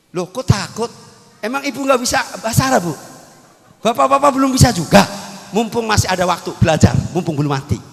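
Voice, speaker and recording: A man's voice: high voice, gravelly, a bit bright, in a large hall. A man preaching a humorous Islamic sermon, teasing and joking with his audience and calling out to them. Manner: teasing, playful, calls out to the crowd.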